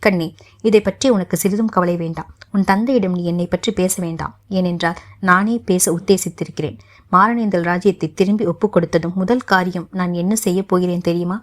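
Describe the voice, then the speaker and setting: A woman narrating an audiobook, voicing an earnest young nobleman who pleads and makes solemn vows in a fairly low voice. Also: steady tone, a little fast, close to an everyday voice.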